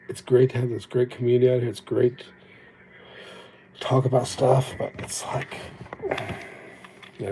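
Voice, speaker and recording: A man with a dark-toned, mid-range voice hosts a livestream, his first language being Japanese. His talk is casual, reflective, meandering and self-deprecating, and the rough old-phone recording has slight background noise.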